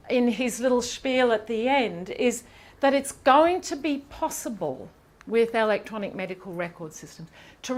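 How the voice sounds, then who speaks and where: A woman professor talks through a seminar lecture in a hall, her voice sitting a little high. She moves between explanation and quick asides to the listeners. She keeps it conversational. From Ireland. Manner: lively, quick asides, laughs with the audience. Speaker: university professor giving a seminar. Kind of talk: lecture with audience questions.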